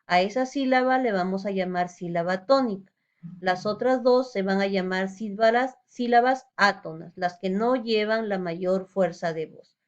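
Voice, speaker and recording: A woman's voice: medium pitch, moderate pace, highs cut off. A woman teacher giving a recorded lesson, explaining step by step and asking rhetorical questions.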